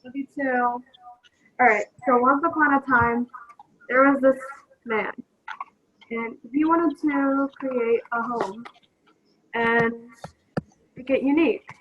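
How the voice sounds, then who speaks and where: A woman on a video call telling a story at a memorial in a slow, measured way, heard through a laptop speaker. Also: high voice, fairly even intonation, lo-fi sound, a little hiss or hum. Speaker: family member at a memorial. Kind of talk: telling a story while folding paper.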